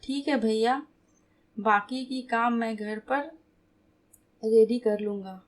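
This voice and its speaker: Brief: a woman reading a playful young fiancé, jokey, a fairly high, slow delivery. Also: steady tone. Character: young man, teasing groom-to-be.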